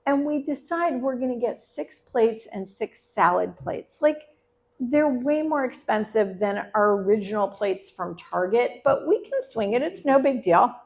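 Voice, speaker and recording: A middle-aged woman tells a personal story on stage at a live event. Her voice sits a little high with a gravelly crackle. She talks in a chatty, conversational way, tossing in asides to the crowd. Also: lively intonation, a little slow.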